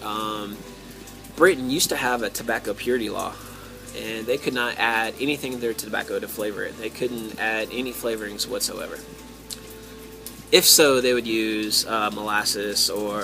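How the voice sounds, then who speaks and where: An American man with a slightly low-pitched voice chats casually to his viewers. Music plays clearly along with him. He speaks haltingly, thinking aloud and leaving drawn-out pauses as he goes. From United States. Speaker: pipe-hobby vlogger and host. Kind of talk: casual solo talk to viewers.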